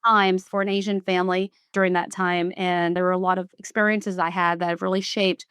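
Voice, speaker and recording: A woman's voice: lowish voice, flat delivery, fairly quick, a bit bright, smooth, no room sound, clean studio sound. A woman in her fifties from South Carolina with a Southern US accent, speaking reflectively and with frequent restarts as an executive guest on an interview podcast.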